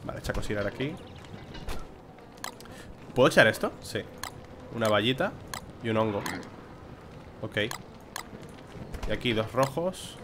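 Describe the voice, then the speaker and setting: This gameplay streamer, a young Spaniard with a Spanish accent, plays unhurriedly and pauses often while grumbling, exclaiming, and talking to himself. His voice is on the low side with lively intonation, heard against a noisy background.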